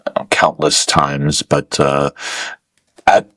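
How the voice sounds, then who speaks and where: A man's voice: extremely low pitch, completely flat delivery, drawn-out words, sharp tone, dry recording. A man from California co-hosting a podcast, thoughtful and hesitant. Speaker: podcast co-host. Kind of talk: casual podcast chat.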